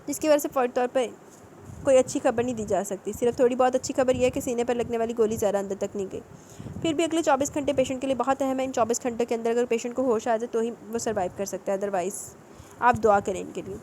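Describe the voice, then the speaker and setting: A woman's voice: on the high side, darkish tone, a little hiss or hum, natural voice, rough recording. A woman voicing a composed male doctor giving serious news in a storybook reading. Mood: grave.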